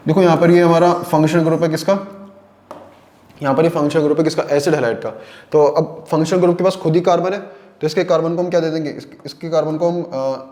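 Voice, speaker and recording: A man's voice: a little high, fairly even intonation, a little fast, a little mellow, echoey room. A man teaching chemistry in a lecture, asking questions and answering them himself, repeating key terms and mixing English terms into his speech. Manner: mixes English terms into Hindi.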